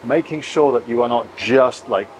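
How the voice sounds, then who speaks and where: At a medium pitch and moderate pace, a vlog host in his forties leads an eager, emphatic tour to camera through a boat being built and a large boatyard shed, repeating phrases. He's on a clip-on lapel mic, and the low-quality recording has a little hiss or hum.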